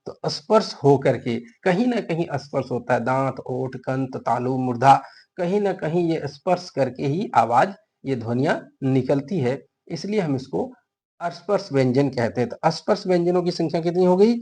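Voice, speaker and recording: A man's voice: fairly high pitch, darkish tone, breathy edge. A man teaching a grammar lesson for an exam, explaining step by step and answering his own questions.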